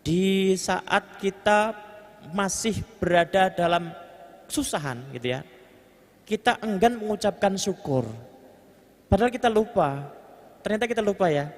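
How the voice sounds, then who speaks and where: Man, Javanese accent, mosque sermon, fairly high voice, long hall reverb. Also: lively intonation, measured pace, long pauses. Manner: mixes Javanese phrases, translates Arabic line by line; jokes with the congregation, leads chanting. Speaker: preacher. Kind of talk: mosque sermon with kitab reading. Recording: long hall reverb, faint ambient noise.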